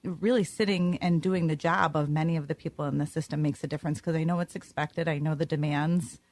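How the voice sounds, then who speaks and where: A woman's voice: low voice, steady tone, a little fast, darkish tone, no room sound. A woman in her forties, a school superintendent interviewed in a studio, answering in a composed, matter-of-fact way. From Greece, New York. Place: radio studio.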